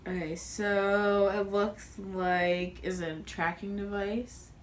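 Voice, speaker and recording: A woman's voice: mid-range voice, little pitch movement, slow, slight background noise. An eighteen-year-old woman student speaking casually and tentatively.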